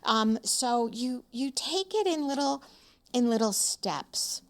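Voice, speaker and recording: A woman's voice: on the high side, animated, takes it slowly. A woman in her seventies, a podcast interview guest, speaking frankly and emphatically with frequent "um" fillers. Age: 70s.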